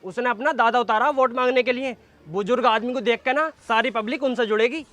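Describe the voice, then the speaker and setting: A man's voice: extremely high pitch, a little fast, fairly bright tone. A man playing a sidekick in a village comedy sketch, earnestly reporting news.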